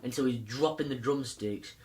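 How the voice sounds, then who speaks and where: A man's voice: medium pitch, normal speed, darkish tone. A man casually reviewing a film, rambling with lots of fillers and restarts.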